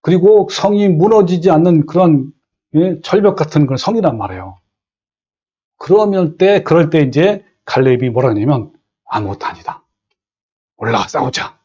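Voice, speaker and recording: A middle-aged man preaching a sermon as a pastor, animated, acting out quoted speech and putting questions to the congregation. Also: a little high, normal speed, slightly rough, lo-fi sound.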